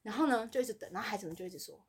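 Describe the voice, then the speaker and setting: A woman co-hosting a podcast tells a workplace story in casual conversation, speaking very fast in a husky voice. She's animated, acting out other people's lines with big pitch swings.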